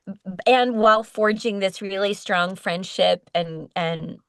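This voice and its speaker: A woman's voice: mid-range voice, unhurried, dry recording. A woman voice actress chatting earnestly as an interview guest, often restarting her sentences. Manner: warm, earnest, many restarts. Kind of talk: casual interview chat.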